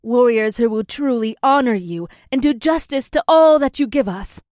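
A high, formal warrior princess. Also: male voice, moderate pace, darkish tone, no room sound, studio quality. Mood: thoughtful. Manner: stiff formal old-fashioned phrasing. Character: eager bloodthirsty young warrior princess, formal.

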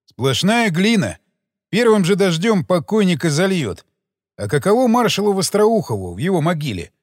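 A man reading an audiobook, voicing a deliberate male detective who speaks slowly, measured and knowing. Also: sits high, sing-song, no echo, studio quality.

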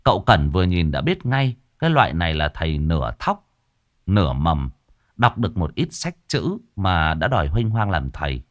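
A man narrating a ghost story in a lively, expressive storytelling manner. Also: sits low, normal speed, no echo, studio quality.

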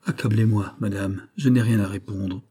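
A man's voice: fairly low pitch, fairly even intonation, moderate pace, warm tone, husky. A man voicing an anguished nobleman in an audiobook of a classic novel, speaking in an imploring way. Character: anguished nobleman, a proud minister.

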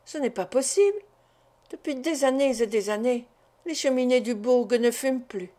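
A woman's voice: sits high, expressive, moderate pace, dark tone. A woman voicing a superstitious village shepherd in an audiobook, speaking with exclamatory wonder. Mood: uneasy. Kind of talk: audiobook character reading.

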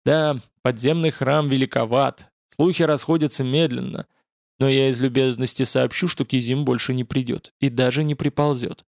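Sarcastic male fallen angel, voiced by the narrator, slow offhand jabs, fake-casual menace; dry, close read. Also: mid-range voice, fairly even intonation, creaky, no room sound, lightly acted. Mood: mocking. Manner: mocking, deliberately casual. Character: sardonic male fallen angel, cruel and mocking.

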